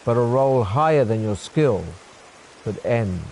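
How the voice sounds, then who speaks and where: A man narrating a fantasy gamebook adventure in the second person, in a measured storytelling manner. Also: medium pitch, animated, a little mellow, slight background noise.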